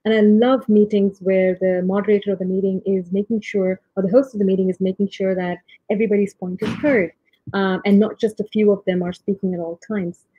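Speaking from home over a video call, a tech leader in her thirties from India delivers a reflective talk on leadership for a conference. Her mid-range voice is soft, flat and a little fast, full of ums and restarts, and the laptop or webcam audio sounds tinny, husky and dry.

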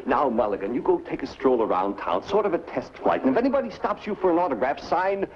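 A man's voice: on the high side, sing-song, fast talker. An actor playing a jovial, scheming American who talks like a showman. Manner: hearty, showman-like. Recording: dull old TV soundtrack with hiss.

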